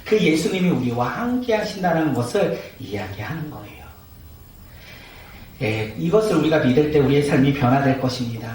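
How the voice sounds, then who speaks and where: A pastor with a fairly high, slightly mellow voice delivers a sermon in a church sanctuary, asking the congregation rhetorical questions and leading them in reading aloud. The recording is roomy and echoey, captured by a distant mic with faint noise.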